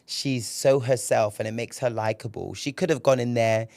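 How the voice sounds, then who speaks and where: A man hosting a podcast in casual commentary, candid and animated, swearing freely and repeating words when he gets excited. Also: medium pitch, moderate pace, vocal fry, no echo, clean studio sound. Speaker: podcast host.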